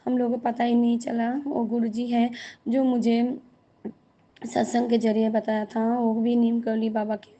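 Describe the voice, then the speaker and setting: A hoarse woman from West Bengal giving a devotional thanksgiving testimony, repeating her thanks in a halting, prayerful way. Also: fairly high pitch, monotone, dark tone. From West Bengal, India. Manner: repetitive, prayerful, halting with fillers. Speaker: devotee sharing a thanksgiving satsang.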